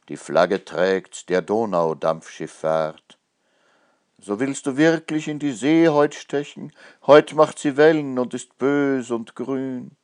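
A man's voice: medium pitch, clean tone. A man giving a theatrical recitation of a comic ballad, his delivery swelling and falling with the verse. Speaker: poetry reader. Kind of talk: dramatic poetry recitation.

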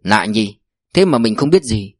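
A man's voice: on the low side, very animated, measured pace, dry recording, clean studio sound, faint music behind. A man reading an audiobook voices a crafty older security chief who talks bluntly and bossily. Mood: scheming. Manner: blunt, bossy. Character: sly older male security chief, scheming.

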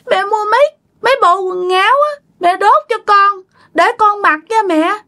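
A woman voicing the ghost of a drowned little boy, cold and hungry, pleading with his mother in a high wailing child's voice. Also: normal speed, sharp tone, exaggerated voice.

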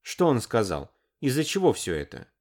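A man's voice: medium pitch, huge pitch swings, moderate pace, darkish tone, voice pushed up. A man reading the part of a tired, mocking young woman, raising his voice a little for her. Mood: weary, exasperated. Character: weary, sharp-tongued young woman.

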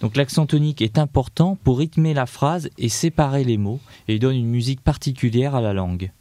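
A man explains a grammar rule in a patient, unscripted way, often restarting and stringing his points together with small connecting words. His voice is dark and mellow. The sound is dry and close to the mic. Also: mid-range voice, fairly quick, no echo. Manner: patient, with many "donc" fillers and small restarts. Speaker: grammar teacher.

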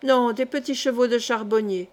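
A woman's voice: a little high, fairly even intonation, moderate pace, darkish tone, natural voice. A woman reading the lines of a proud, earnest young male officer in an audiobook.

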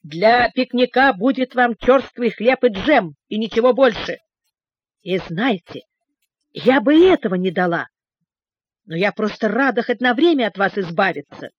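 A woman's voice: fairly high pitch, expressive, moderate pace, husky, no room sound. A woman voicing a cranky, spiteful housekeeper who scolds indignantly, raising her voice. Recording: dull, dry recording.

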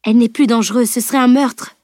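A woman's voice: on the high side, steady tone, quick pace, darkish tone, dry recording, studio quality, pitched above the performer's own voice, natural voice. Woman doing an urgent, honour-bound young warrior girl. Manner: urgent, pleading exclamations.

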